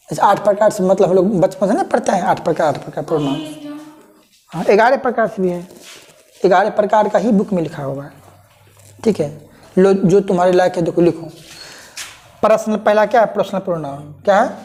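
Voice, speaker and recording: A woman teaching an English grammar lesson, repeating terms slowly and often checking that students understand. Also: medium pitch, dark tone. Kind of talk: classroom lesson explaining pronouns.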